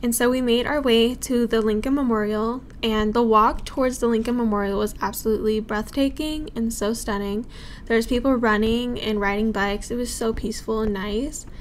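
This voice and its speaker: A high-voiced young woman in her twenties chats through a travel vlog, gushing and giggling at what she sees. She talks at an easy, unhurried pace into a handheld camera held at arm's length. Outdoor traffic noise is clearly heard behind her. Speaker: travel vlogger. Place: outdoors in a rainy city park. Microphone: handheld phone or camera at arm's length.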